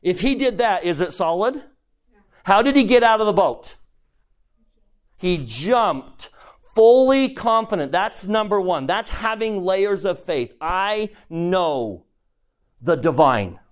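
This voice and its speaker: A man leads a scripture lesson at an unhurried, deliberate pace. His voice sits a little high for a man, and he keeps turning to his listeners with questions. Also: very animated. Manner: asks the audience questions, slow and emphatic. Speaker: church teacher.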